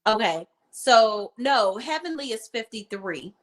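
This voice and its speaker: This very animated woman, a co-host on a reality TV opinion panel, talks at a measured pace with a drawl. She's chatty and colloquial, lowering her voice to act out quotes during casual chat.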